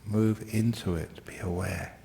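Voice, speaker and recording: A man teaching meditation, giving slow, gentle guided meditation instructions with long, unhurried pauses. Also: on the low side, steady tone, gravelly.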